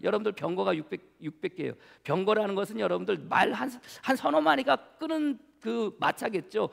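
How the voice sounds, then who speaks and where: A male pastor with a very high, gravelly voice preaches to his congregation, asking rhetorical questions as he goes. His voice carries a long echo through the church sanctuary. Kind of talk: sermon. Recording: church hall reverb.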